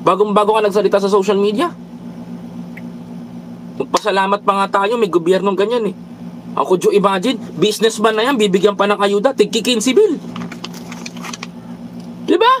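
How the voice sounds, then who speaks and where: A man's voice: sits high, normal speed, long pauses, a little hiss or hum, rough recording. A man from the Philippines doing a casual political commentary livestream, preaching to his viewers, reading their comments and dropping English phrases into his talk. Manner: preachy, repeatedly addresses viewers as brothers and countrymen.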